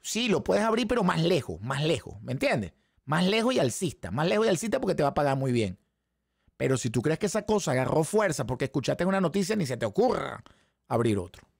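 A Venezuelan man, hoarse, runs a live trading class. His voice sits a little high but carries a gravelly fry, with a dry, close sound. He keeps checking in with his audience through quick rhetorical questions. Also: dry recording. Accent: Venezuelan Spanish. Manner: animated, talks straight to the chat audience with frequent rhetorical questions. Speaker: trading instructor. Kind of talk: live-stream trading lesson.

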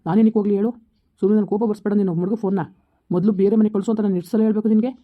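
A woman's voice: mid-range voice, steady tone, rapid-fire, natural voice. A woman voicing a curt, irritable village husband, recorded with tinny phone-like sound. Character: gruff village husband, impatient.

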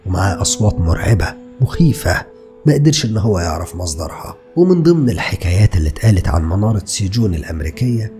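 A man in his thirties with an Egyptian accent, narrating scary stories as a channel host with dramatic delivery and hushed words, close to a desk mic in a studio. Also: low-pitched, quick pace, soft background music. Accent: Egyptian Arabic. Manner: dramatic, lively storytelling with sudden hushed words. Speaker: horror storyteller host. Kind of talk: scripted horror narration. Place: dark indoor studio. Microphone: desk mic close to mouth.

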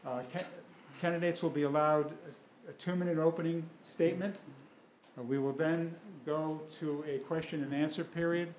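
An older man moderates from a podium microphone, relaxed and halting, with plenty of fillers. His voice sits a little high for a man. The roomy hall echoes around him, with a faint hum of room noise. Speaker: event moderator. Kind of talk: opening remarks at a public forum. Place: school meeting room, at a podium.

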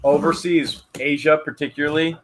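A man in his thirties runs a live online auction from a small room, talking in a loose, chatty way and repeating the bids to keep things moving. His voice is bright and sits a little high. A faint hiss sits under the webcam audio. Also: fairly even intonation, normal speed, poor audio. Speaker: live-stream host auctioning storage-unit finds. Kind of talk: casual live auction chat. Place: small indoor room with a wall of hats behind.

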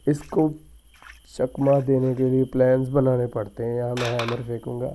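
A man's voice: medium pitch, monotone, moderate pace, dark tone, a little hiss or hum. A man with a sore throat, muttering casual gameplay commentary as he plays and taunts the game character. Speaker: gaming YouTuber.

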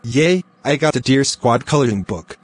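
A man's voice: mid-range voice, expressive, normal speed, husky, no echo. A synthetic man's voice playing an emotional birthday celebrant in an amateur cartoon, with stilted text-to-speech delivery. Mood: delighted. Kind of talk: text-to-speech animated dialogue.

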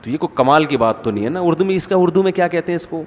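A man's voice: a little high, lively intonation, rapid-fire, a little mellow, big-room sound, slight background noise. A male Islamic preacher giving a conversational, humorous sermon-style talk, often asking his listeners rhetorical questions.

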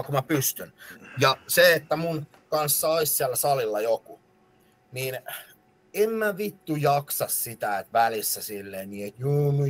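A man, a personal trainer telling rambling gym stories brashly on a podcast, swearing as he goes. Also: fairly high pitch. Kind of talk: casual podcast chat.

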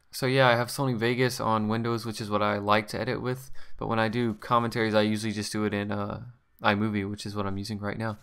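A man's voice: on the low side, a bit bright, smooth. A man giving casual, rambling gameplay commentary as a channel host, often correcting himself. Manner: rambling, offhand, self-correcting.

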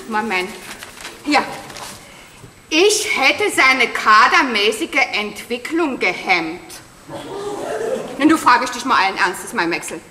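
A woman's voice: a little high, background noise. A gushing, self-pitying jilted woman. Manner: dramatic, breathless, tearful chatter. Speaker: stage actress. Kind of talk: stage comedy acting. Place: theater stage. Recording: echoey theater hall with audience laughter. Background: audience laughter.

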